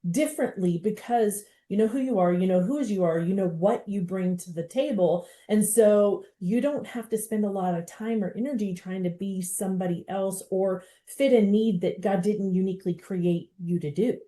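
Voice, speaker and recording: A middle-aged woman hosting a conversational interview, animated and quick, with frequent restarts. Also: medium pitch. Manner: animated, fast-talking with restarts. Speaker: podcast host.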